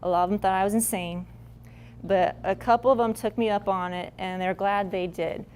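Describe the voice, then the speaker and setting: A woman agricultural presenter gives farming advice at a workshop in a casual, blunt, folksy style. Her voice is medium-pitched and darkish, with fairly even intonation and normal speed, over a little hiss or hum.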